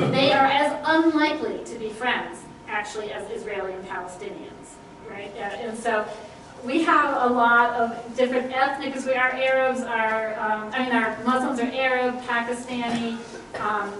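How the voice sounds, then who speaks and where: A woman's voice: a little high, slight background noise. A middle-aged woman, a youth program leader, answering audience questions in a large church hall and gesturing broadly as she talks. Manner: animated, gestures broadly while talking. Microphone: far camera, no mic. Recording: echoey hall from far off.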